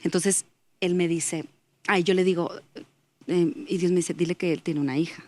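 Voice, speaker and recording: Earnest low-voiced woman. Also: fairly even intonation, normal speed, darkish tone, no room sound. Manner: earnest storyteller, acting out quoted dialogue. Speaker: guest. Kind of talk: personal faith testimony.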